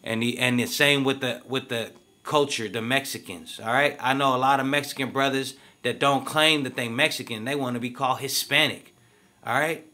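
A man's voice: medium pitch, steady tone, normal speed, sharp tone. A man giving casual, slangy video commentary in an emphatic way, often asking "you feel me".

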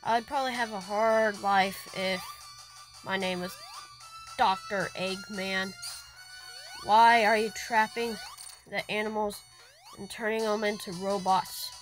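Slow-talking excitable woman gamer. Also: mid-range voice, music in the background, low-quality recording. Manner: chatty and excitable, quick to grumble about the game. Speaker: gaming channel host. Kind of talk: casual gaming commentary.

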